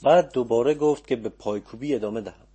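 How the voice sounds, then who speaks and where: A man narrating an audiobook in a calm, measured storytelling manner. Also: mid-range voice, breathy edge.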